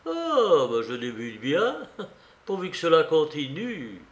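A man's voice: fairly high pitch, very animated, slow, lo-fi sound. A man voicing a flustered young priest who stammers and mutters sulky, sardonic asides in a storybook reading. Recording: roomy, echoey recording.

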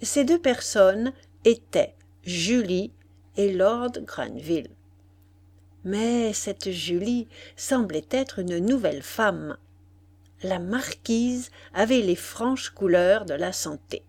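A woman with a medium-pitched voice narrates a classic novel as an audiobook, reading in a measured, expressive way.

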